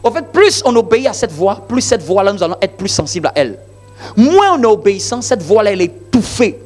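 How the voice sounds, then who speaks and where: A man's voice: high voice, very animated, fast talker, faint music behind. A male pastor delivering a sermon in an emphatic, repetitive preaching style full of rhetorical questions.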